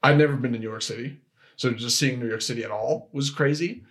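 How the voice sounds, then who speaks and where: A man's voice: mid-range voice, fast talker. Rambling young man telling a story. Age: young adult. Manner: rambling, with frequent restarts and "like" fillers. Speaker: podcast guest. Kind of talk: casual storytelling.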